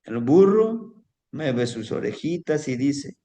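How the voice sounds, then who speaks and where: A man's voice: a little high, very animated, dark tone. A man telling a folk tale and drawing its moral, often checking in with "¿sí?" and "¿no?". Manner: unhurried, asks listeners "¿sí?" and "¿no?". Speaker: storyteller.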